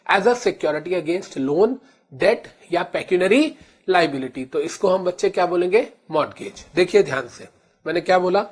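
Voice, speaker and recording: An Indian man teaching law in a lecture, calling his students children and slowly repeating key terms. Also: fairly high pitch, slightly rough. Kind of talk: classroom lecture in Hindi-English mix.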